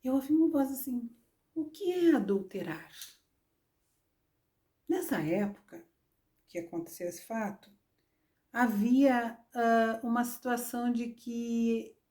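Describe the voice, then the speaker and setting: A woman's voice: on the high side, slow, dark tone. A middle-aged woman preaching a sermon, telling a personal testimony in a conversational storytelling way with frequent tag questions. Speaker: women's ministry preacher.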